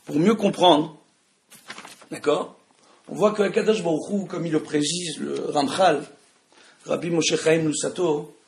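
Man, Tunisian French accent, religious teacher, loud and emphatic, raspy voice, echoey room. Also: fairly high pitch. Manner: loud, emphatic, asks the audience questions. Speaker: Torah teacher. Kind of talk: religious study lesson. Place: room with an audience.

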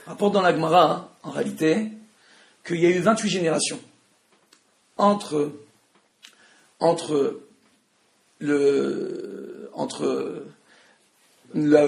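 A man with a Tunisian French accent gives an emphatic religious lesson, his voice gravelly and fairly high for a man. He talks loudly and keeps asking his listeners questions. The room has a clear echo. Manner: loud, emphatic, asks the audience questions. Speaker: Torah teacher. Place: room with an audience. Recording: echoey room.

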